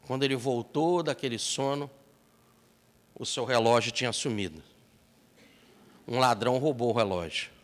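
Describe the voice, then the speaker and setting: A man's voice: mid-range voice, in a large hall. A man giving a spiritist seminar talk, telling stories expressively. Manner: expressive storyteller. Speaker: spiritist lecturer. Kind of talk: seminar sermon with storytelling. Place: lecture hall.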